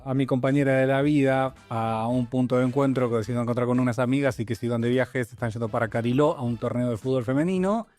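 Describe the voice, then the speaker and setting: A man's voice: mid-range voice, steady tone, fast, hardly any pauses, a little mellow. A man, co-hosting a casual radio chat in a studio with playful, joking banter. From Argentina. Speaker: radio co-host.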